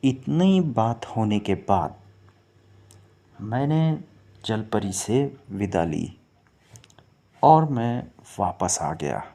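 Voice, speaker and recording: A man narrating a horror story in the first person, telling it in a slow, even, hushed way. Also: fairly low pitch, vocal fry.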